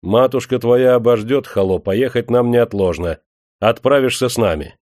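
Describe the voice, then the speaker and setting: A man voicing a stern, domineering male factory master who barks gruff commands in an audiobook. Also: mid-range voice, expressive, normal speed, a little mellow, dry recording, clean studio sound, close to an everyday voice. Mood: angry.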